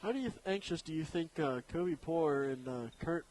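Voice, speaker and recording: High-voiced man on radio color commentary. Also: slight background noise, low-quality recording. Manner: relaxed, conversational, drawn-out asides.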